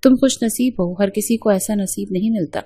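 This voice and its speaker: A calm, affectionate mother who gives her daughter gentle, coaxing advice, as a woman narrator reads her part. The voice is mellow and a little husky. It sounds like a spoken storybook. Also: medium pitch, lightly acted.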